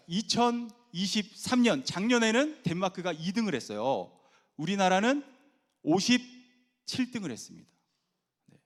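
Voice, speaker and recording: Lively pastor preaching in a reverberant hall. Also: male voice, high-pitched. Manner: engaging, poses questions to the congregation. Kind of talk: sermon. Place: church sanctuary. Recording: long reverb of a church hall.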